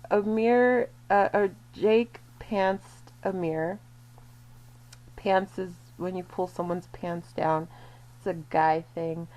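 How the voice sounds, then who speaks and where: A woman's voice: mid-range voice, a little mellow. A woman chatting casually to camera, rambling and correcting herself as she goes. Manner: rambling, self-correcting, lots of fillers. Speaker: video creator. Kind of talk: casual commentary vlog.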